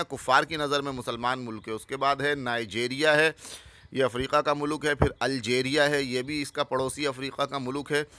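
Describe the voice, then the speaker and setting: A man with a bright, forceful voice talks earnestly and urges his audience on. He names one item after another and adds a short comment to each. The sound is close and dry, with no room echo. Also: medium pitch. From Pakistan. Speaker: religious channel host. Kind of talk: informal explanatory talk.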